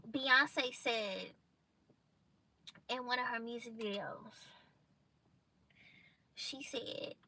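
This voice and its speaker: A woman's voice: on the high side, drawn-out words, long pauses, pushed and bright, slight background noise. A young woman vlogger giving a casual motivational monologue, emphatic and blunt with slang. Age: young adult.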